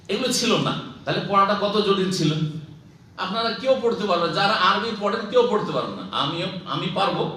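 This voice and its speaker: A man's voice: a little high, bright, forceful tone. A man with a Bangladeshi Bengali accent, an Islamic scholar giving a lecture who explains points and quizzes his listeners. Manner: explanatory, asks the audience questions. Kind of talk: scholarly sermon to a live audience. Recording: echoey room, from far off, faint hum.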